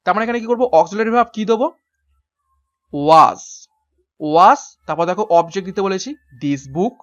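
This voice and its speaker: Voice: mid-range voice, expressive, moderate pace. Teacher explaining grammar step by step, dull sound. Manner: explains step by step, often asking questions and answering them; spells words out letter by letter. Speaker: English teacher. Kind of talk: exam-prep grammar lesson.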